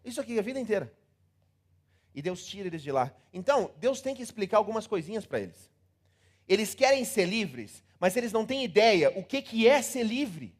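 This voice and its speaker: A man with a Brazilian Portuguese accent preaching a sermon, theatrical and animated, acting out scenes and repeating words in rhythm. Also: high-pitched, fairly quick. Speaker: pastor.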